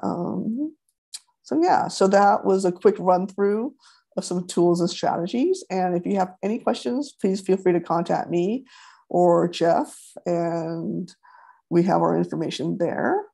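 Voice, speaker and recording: A woman's voice: on the low side, unhurried, vocal fry, dark tone, slightly rough. A woman giving a webinar presentation over a video call, hesitant, with many fillers and restarts.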